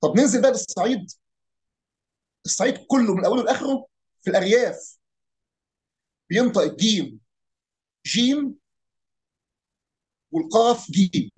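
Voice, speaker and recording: A man's voice: sits high, animated, fairly quick, pauses often, darkish tone. A man with an Egyptian accent casually explaining regional dialects, asking rhetorical questions and imitating local pronunciations. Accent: Egyptian Arabic. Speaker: speaker on Arabic dialects and folk heritage.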